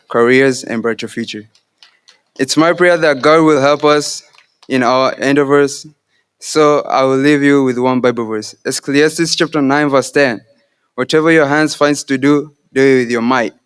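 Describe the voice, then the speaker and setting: Speaking in a clear, resonant mid-range voice, a young Swahili-speaking man from Kenya gives a graduation address with earnest, devout, carefully measured delivery.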